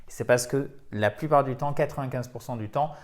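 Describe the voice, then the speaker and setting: A man's voice: medium pitch, brisk. A man teaching English pronunciation in a video lesson, explaining in French and repeating example words with the stress marked.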